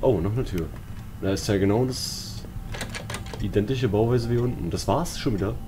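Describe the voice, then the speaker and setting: With a lowish voice at normal speed, a German-accented man provides loose, jumpy commentary while playing a horror game for a let's play. The background is noisy with game music and sounds, and he frequently exclaims or talks to himself.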